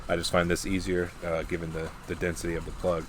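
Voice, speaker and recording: Casual male reviewer, very deep voice, measured and hesitant delivery, clearly noisy recording. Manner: hesitant, measured, thinking aloud. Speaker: pipe tobacco reviewer. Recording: clear steady background noise, vehicle-like rumble.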